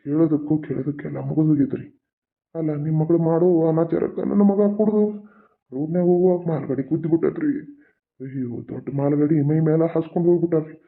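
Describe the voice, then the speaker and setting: A man's voice: on the high side, fast, vocal fry. A man, voicing a cartoon father-in-law in an accusing tone. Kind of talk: dialect cartoon voice acting. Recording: tinny phone-like recording.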